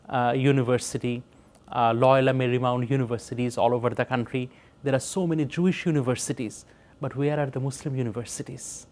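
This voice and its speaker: A man's voice: mid-range voice, a little mellow. Earnest middle-aged man from Bangladesh. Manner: earnest, measured, with frequent pauses and fillers. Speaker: professor giving an interview. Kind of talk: reflective interview talk.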